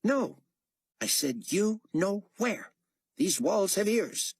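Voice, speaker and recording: A man doing a seething male tyrant in an audiobook, pitched far above his own voice and pushed hard with strain. The delivery is commanding and bitter, dry and close to the mic, with a husky edge. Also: lively intonation, measured pace, no echo, full character voice. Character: imperious male world ruler, seething and threatening.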